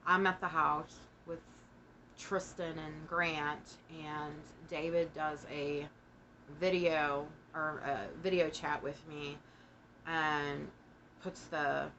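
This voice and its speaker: Woman, short of breath, very slow pace, forceful edge, halting delivery, personal vlog update, background music. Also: low voice, steady tone, muffled recording, a little hiss or hum. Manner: halting, broken phrasing with pauses. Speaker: vlogger giving a personal family update. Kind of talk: casual, personal monologue to camera.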